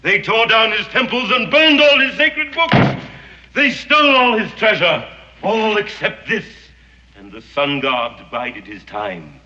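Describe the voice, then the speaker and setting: An actor playing a grandiloquent English gentleman devoted to a sun god, telling a curse with formal, theatrical diction in a 1960s TV western drama. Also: high voice, big pitch swings, unhurried, exaggerated voice. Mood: ominous. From England. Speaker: fanatical Englishman guarding Aztec gold. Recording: echoey, dull 1960s TV soundtrack.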